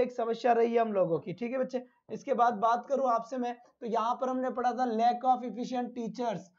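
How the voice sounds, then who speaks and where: A man's voice: very high-pitched, darkish tone, muffled recording. A male teacher giving a live online lesson, who asks his own questions, answers them himself, and calls his students "beta".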